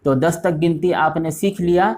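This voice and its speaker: A man's voice: a little high, darkish tone. A man teaching an online language lesson, patiently repeating each word several times. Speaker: Arabic teacher.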